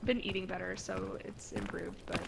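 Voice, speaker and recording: A woman with a boyish, roughened voice chatting casually during a game, haltingly and repeating her words. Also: mid-range voice, sing-song, very noisy. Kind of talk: casual group chat while gaming.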